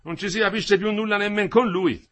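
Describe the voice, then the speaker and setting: A man reads the part of an old Florentine bricklayer, a moderate socialist who grumbles indignantly and fires off questions. His voice sits high and is pushed upward, a bit bright, fairly quick, with fairly even intonation.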